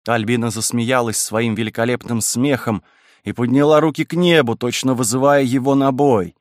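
A man reading a classic novel aloud as narrator, with a measured, expressive delivery. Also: mid-range voice, no echo, studio quality. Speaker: audiobook reader. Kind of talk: scripted literary narration.

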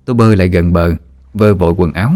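Low voiced guy reading a ghost story, dry close sound. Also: fast, warm tone, no room sound. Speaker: narrator.

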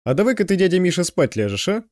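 A man's voice: sits high, big pitch swings, fast, a little mellow, no echo, pitched above the performer's own voice. A man voicing a tough male stalker who speaks bluntly with dry irony. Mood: wry.

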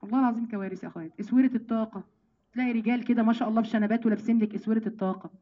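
A woman with an Egyptian accent giving an emphatic religious lesson to women, calling them sisters and slowing down to recite verses. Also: on the high side, muffled recording. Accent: Egyptian Arabic. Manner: lively, emphatic, addresses listeners as sisters, slows down to recite verses. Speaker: Quran teacher.

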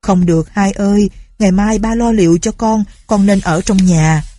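Brief: woman reader playing a gruff old landlord, curt and commanding, dark husky tone. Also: medium pitch, normal speed, close to an everyday voice. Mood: scolding. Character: wary, stern older male landlord and village chief.

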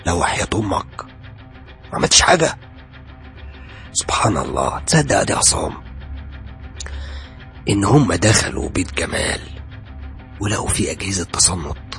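An actor playing a menacing police interrogator who taunts and threatens a suspect in an audio drama. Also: male voice, deep voice, sing-song, moderate pace, creaky, long pauses, soft background music, exaggerated voice. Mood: scornful. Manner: taunting, sarcastic, sudden shouts. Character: menacing male police interrogator, mocking and cold. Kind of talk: audio horror drama acting.

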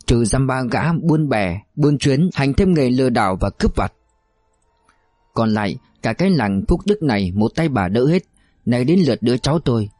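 A man reading a novel aloud in steady first-person narration. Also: medium pitch, no echo. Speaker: audiobook narrator.

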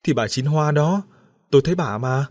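A man's voice: a little high, animated, normal speed, a little mellow, no echo, studio quality, pitched above the performer's own voice. A raving, haunted husband, raised and pleading, voiced by the male narrator. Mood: bewildered. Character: dazed husband, raving and terrified.

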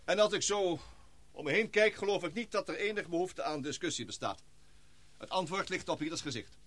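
In a Dutch radio play, a male actor voices an earnest, excitable scientist leading an expedition. His voice sits high and moves fairly quickly, formal and precise, with a solemn, urgent mood.

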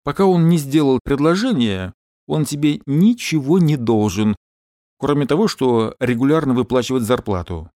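Guy doing a laid-back dad, flat monotone, slow, storybook. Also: mid-range voice, no echo, pitched above the performer's own voice, natural voice. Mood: dry. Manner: monotone, dry. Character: middle-aged father, calm, philosophizing.

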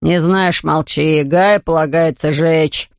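A woman voicing a grumpy, greedy older male neighbour who talks slowly and gruffly. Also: sits low, fairly even intonation, no echo, clean studio sound, voice pushed down. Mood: grumbling. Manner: gruff, slow, grumbling.

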